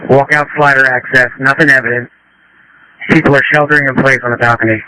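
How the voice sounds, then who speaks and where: A man's voice: medium pitch, fairly even intonation, fast talker, sharp tone, dry recording, rough recording. A man giving clipped, matter-of-fact firefighter reports over two-way radio.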